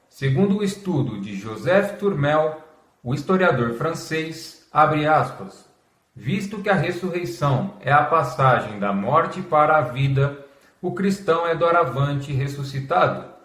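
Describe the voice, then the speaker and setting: A Brazilian man narrates a scripted explainer in a fairly high-pitched voice. His delivery is formal and measured, like someone dictating a text. The room adds a clear echo around his words. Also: a bit bright. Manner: measured, formal reading that announces quotation marks aloud, as if dictating. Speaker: host of a religious history channel. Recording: echoey, reverberant room.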